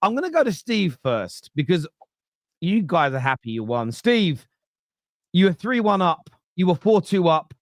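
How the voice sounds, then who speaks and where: A man's voice: sits high, very animated, unhurried, dry recording, clean studio sound. A man in his late thirties hosting a live football fan podcast, chatty and joking. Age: 30s. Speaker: podcast host.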